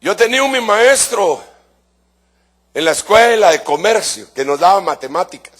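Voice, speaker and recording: An animated male preacher whose voice sits high gives a passionate sermon at a moderate pace. Rhetorical questions and the word "brother" fill his address to the congregation, and he shifts between hushed asides and shouted points.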